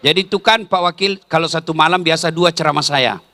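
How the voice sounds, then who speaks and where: Man, Islamic preacher, high voice, comic sermon, teasing, leads crowd chants, large gathering. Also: a little fast, pushed and bright, no echo. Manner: joking, teasing the audience. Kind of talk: humorous sermon.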